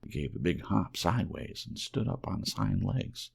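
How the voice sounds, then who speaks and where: In a deep, husky voice with a strong creak, a man reads a children's storybook as an ASMR audiobook. His delivery is gentle and hushed, yet animated, at a normal pace.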